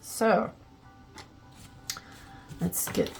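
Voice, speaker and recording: Speaking extremely slowly over background music, a woman hosts a relaxed art tutorial for her channel. She's a bit congested, thinking aloud and chatting as she works, with plenty of ums and likes.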